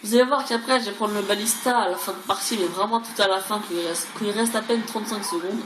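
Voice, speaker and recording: A woman's voice: mid-range voice, quick pace. A woman giving casual, rambling gameplay commentary, stammering over and repeating words, with some mild swearing. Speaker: gaming video creator. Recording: roomy echo, clearly noisy background.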